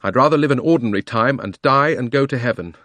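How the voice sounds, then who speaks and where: Man voicing a young boy, frightened, stubborn, high urgent shouts, dry close sound. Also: fast, dry recording, close to an everyday voice. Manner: urgent, pushed high and loud.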